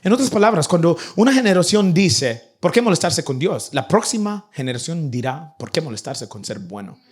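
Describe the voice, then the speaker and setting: A young man preaching a sermon to his church, animated and acting out the people in his stories. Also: on the high side, normal speed, breathy edge. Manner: animated, acts out nagging parents in a raised voice. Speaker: pastor. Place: church in Vancouver.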